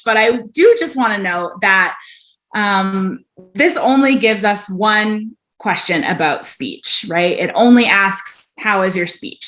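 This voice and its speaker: A woman speech-language pathologist explaining clinical speech tests in a webinar lecture, with a clear teacherly manner and frequent ums. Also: lowish voice, fairly bright tone.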